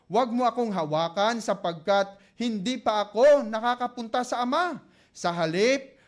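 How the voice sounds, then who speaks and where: Male preacher, high voice, reads scripture and asks his listeners questions. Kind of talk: sermon with Bible reading.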